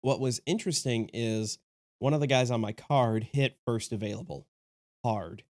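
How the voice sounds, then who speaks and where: A man with a slightly sick, off-sounding voice hosts a casual review vlog. He is chatty and enthusiastic and jokes as he goes. His pitch sits in the middle, and the recording is dry and close, with no room echo. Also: normal speed, a little mellow. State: sick, voice a little off. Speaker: disc golf video host.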